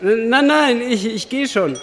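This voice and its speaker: A man's voice: extremely high pitch, lively intonation, measured pace, background noise. Flustered beer-craving everyman. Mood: desperate. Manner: stammering, flustered.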